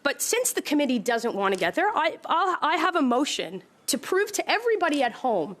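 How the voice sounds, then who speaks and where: A woman member of parliament arguing her point in a committee hearing, halting and repeating herself but insistent. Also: sits high, sing-song, a bit bright. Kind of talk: committee debate.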